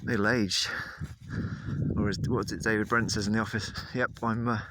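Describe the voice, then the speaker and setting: A man's voice: on the low side, fairly even intonation, fairly quick, rough recording. A man in his late thirties chatting casually and hesitantly as he vlogs on a walk outdoors, thinking aloud as he goes. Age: late 30s. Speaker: vlogger. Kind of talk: casual walking vlog, rambling commentary. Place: outdoors on a countryside track. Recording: outdoor recording with loud wind noise on mic. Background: wind noise.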